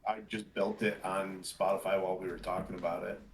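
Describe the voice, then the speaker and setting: A man's voice: deep voice, flat delivery, fast, slightly rough. A man talking casually as a player in a tabletop game. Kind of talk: casual chat.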